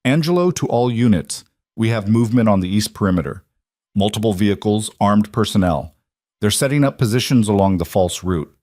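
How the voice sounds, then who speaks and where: Security chief in an audiobook thriller, clipped urgent commands, raised pitch, voiced by the narrator. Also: male voice, lively intonation, a little fast, a little mellow, no room sound, studio quality, natural voice. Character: terse male security chief on radio.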